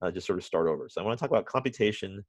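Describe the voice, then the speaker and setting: A man teaching a university math class remotely, halting often with restarts and fillers, and dropping wry, self-mocking asides. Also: low voice, animated, dry recording. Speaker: math professor.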